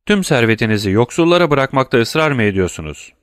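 A man's voice: mid-range voice, sing-song, fast, no echo, clean studio sound, lightly acted. A man voicing a formal, bewildered notary in an audiobook, asking careful questions. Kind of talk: audiobook reading.

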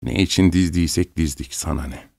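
A man's voice: on the low side, a little fast, lightly acted. Man voicing a curt, scornful army colonel. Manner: curt, contemptuous orders. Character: harsh, cold army colonel, middle-aged man.

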